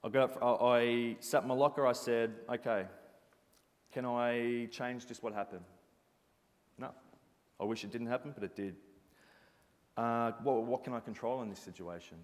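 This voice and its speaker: A man's voice: mid-range voice, a little fast. A man giving an earnest, reflective motivational talk as a former basketball captain. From Australia. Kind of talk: motivational presentation. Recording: reverberant hall sound.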